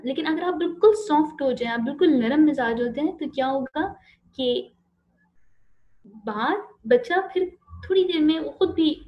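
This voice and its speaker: A woman with a Pakistani accent gives a gentle Islamic talk, often turning to her listeners with questions. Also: high voice, lo-fi sound. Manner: gentle, engaging, asks the audience questions. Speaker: Islamic lecturer.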